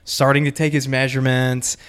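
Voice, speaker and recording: A man in his twenties, a podcast co-host, telling a story in a rambling, animated way full of filler. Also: mid-range voice, a little fast, clean tone. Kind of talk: casual storytelling among friends.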